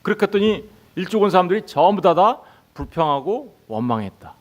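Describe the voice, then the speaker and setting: A man's voice: high voice, sing-song, fairly quick. A male pastor preaching a sermon who keeps asking his congregation rhetorical questions. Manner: acts out the workers' lines in quoted voices.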